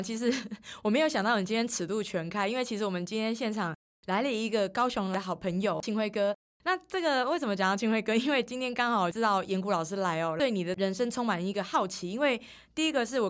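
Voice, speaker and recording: A woman hosting a studio interview, asking quick, curious follow-up questions. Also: medium pitch. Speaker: host. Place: podcast recording studio.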